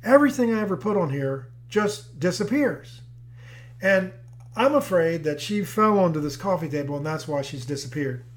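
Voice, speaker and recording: A man's voice: sits high, animated, normal speed. A male preacher playing a lazy young husband in a sermon story, insisting earnestly on his strange claims.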